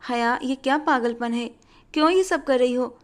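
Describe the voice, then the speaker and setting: A woman's voice: sits high, moderate pace, lightly acted. A woman voicing a worried middle-aged mother figure who scolds and soothes in a story.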